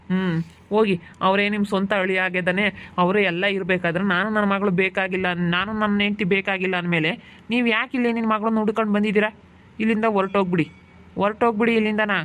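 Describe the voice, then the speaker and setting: This man's voice sits high and a bit bright as he plays an angry young husband guarding his sick wife. His scolding is heated and repetitive, part of an amateur village family drama.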